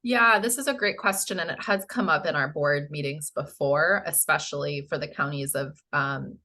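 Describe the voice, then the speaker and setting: An American woman with a hoarse, croaky voice, giving a public presentation to a board. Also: deep voice, moderate pace, pushed and bright. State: hoarse, coughing. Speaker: presenter, housing finance agency staff.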